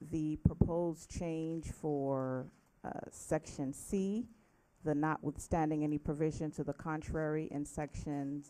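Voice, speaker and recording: A woman gives formal legal clarification as an attorney at a public meeting. Her voice is very low and mellow, and she picks her words in a deliberate, hesitant manner. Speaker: city attorney.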